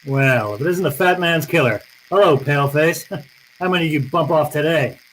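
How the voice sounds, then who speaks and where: An actor playing a tough, wisecracking hard-boiled detective in an old-time radio drama, curt, sardonic and slangy. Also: male voice, fairly high pitch, normal speed, a bit bright, slight background noise, lightly acted, rough recording. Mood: mocking.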